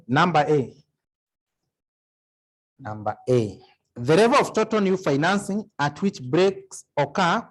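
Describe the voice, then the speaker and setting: A man giving an accounting revision lecture, working through sums aloud and putting questions to the class. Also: on the high side. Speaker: accounting tutor.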